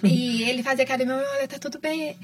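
A woman's voice: high-pitched, steady tone, very fast, breathy edge, no echo, recorded from a distance, soft background music. A woman with a Brazilian Portuguese accent, a patient guest on a podcast, telling her story in an emotional, affectionate way. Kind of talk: casual podcast chat.

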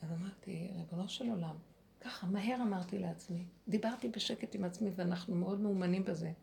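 A woman teaching a spiritual lesson to a group, speaking in an animated way, acting out inner dialogue and asking her listeners rhetorical questions. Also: mid-range voice, vocal fry, slight background noise.

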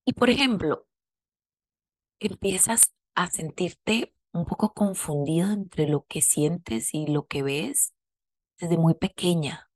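A woman psychologist giving a reflective podcast monologue. She explains gently and slows down to stress key words. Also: on the low side, no echo.

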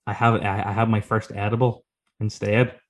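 A guest author with a fairly low, steady-pitched voice chats casually at a moderate pace. He tells rambling, self-deprecating anecdotes from his book, swearing freely.

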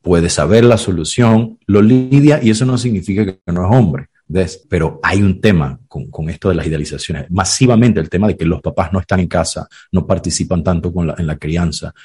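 A man with a deep, husky, darkish voice talks a little fast with few pauses. He's a clinical psychologist in a reflective podcast, explaining ideas through examples and acted-out quotes, often checking in with "you know?" and frequently tagging "¿sabes?" and "¿ves?".

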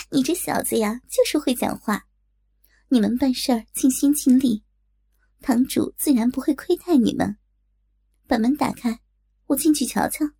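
A woman's voice: high voice, very animated, slow, long pauses, mellow, slightly rough, no room sound, studio quality, heavily acted. A woman voicing a scheming concubine in her thirties in a storybook, taunting in a honeyed, mocking way. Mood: teasing.

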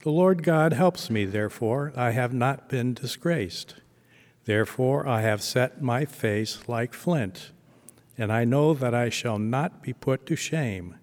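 A man reading scripture aloud in a church, slow and deliberate, with cathedral echo around his voice. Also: mid-range voice, a little mellow. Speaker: scripture reader. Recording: long church hall reverb.

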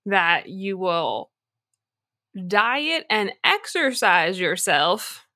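Earnest bright-voiced woman podcaster. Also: mid-range voice, big pitch swings, drawn-out words. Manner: earnest, addresses listeners directly. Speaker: podcast host. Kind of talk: casual podcast chat.

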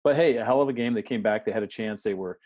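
A man's voice: lowish voice, fast, darkish tone. A man co-hosting a casual sports podcast, laid-back and trailing off as he recaps a game. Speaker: podcast co-host.

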